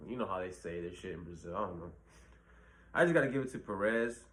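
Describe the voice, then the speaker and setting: A man's voice: low voice, expressive, fast, fairly bright tone. Blunt, profane man giving casual fight picks. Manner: blunt, profane, rambling with fillers. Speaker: fight predictions host. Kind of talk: casual solo commentary.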